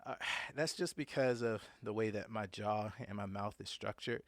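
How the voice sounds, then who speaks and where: A man's voice: on the low side, no room sound. A man with slightly slurred speech and imprecise T's and S's from an underbite, talking informally and hesitantly as a solo podcast host.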